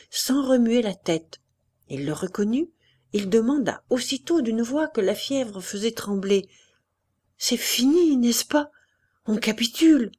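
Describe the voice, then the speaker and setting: Slow, measured woman narrator. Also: mid-range voice, darkish tone. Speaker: audiobook reader. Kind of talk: literary audiobook narration.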